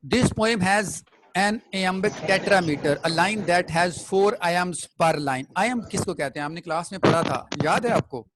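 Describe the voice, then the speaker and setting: High-voiced man teaching a poetry lesson. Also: slow, very noisy. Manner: explains step by step, often checks students follow.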